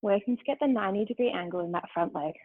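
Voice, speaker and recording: A woman's voice: medium pitch, rapid-fire, no echo. A woman guides a yoga class with brief, upbeat cues for breath and posture. Her voice comes through narrow and tinny, like a phone line, with a dry, close sound and no room around it. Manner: short encouraging movement cues. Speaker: yoga instructor.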